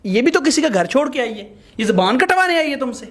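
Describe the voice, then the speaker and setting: A man with a fairly high voice hosts and mediates a heated couple's dispute. He talks emphatically, lecturing both sides and turning to his viewers. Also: sing-song, a bit bright. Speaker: host. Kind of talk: mediating a marital dispute on camera.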